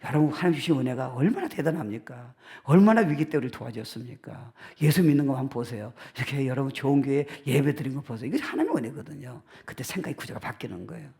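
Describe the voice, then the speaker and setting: Animated laughing male pastor preaching. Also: medium pitch, fast, creaky, hardly any pauses. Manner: animated, laughing often, mixes in English phrases, acts out voices. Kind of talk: lively sermon. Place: church sanctuary.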